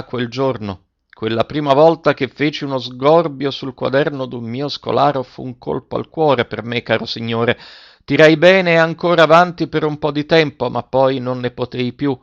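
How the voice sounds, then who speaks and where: A man's voice: medium pitch, dry recording, natural voice. A man voicing a frail old retired male schoolmaster with a slightly trembling but full voice, courteous and wistful, in a dull lo-fi recording. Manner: courteous, wistful, slow remembering.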